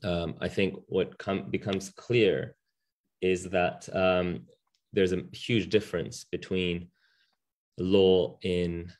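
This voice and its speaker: Speaking slowly in a low, darkish voice with little pitch movement, a barrister in his thirties, a native Japanese speaker, joins a webinar panel by video call from home. His talk is candid and full of ums and restarts.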